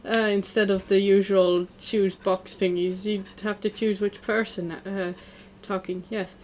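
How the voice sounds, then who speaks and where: A woman's voice: mid-range voice, flat delivery, a little slow, darkish tone, a little hiss or hum. A woman hosting a let's play, giving casual, joking commentary between readings.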